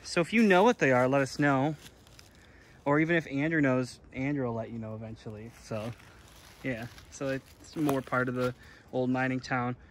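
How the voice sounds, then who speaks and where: A young man casually narrating an outdoor exploring vlog in snowy woods, talking in a relaxed, unsure way with plenty of fillers. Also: mid-range voice, moderate pace, slight background noise, low-quality recording. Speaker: vlogger.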